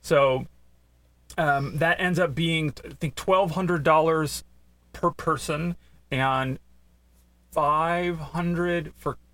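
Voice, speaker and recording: A man co-hosting a casual news podcast with his child, making dry puns and pausing often with "um". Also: on the high side, a bit bright, no echo. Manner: punning, dry dad jokes; hesitant, with many ums. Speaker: podcast co-host, father of the other host.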